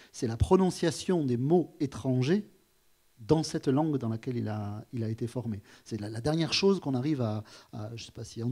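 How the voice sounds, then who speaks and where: A man from France hosts a public talk in an auditorium, questioning his guest thoughtfully and often restarting his sentences. He has a medium-pitched, dark, slightly rough voice.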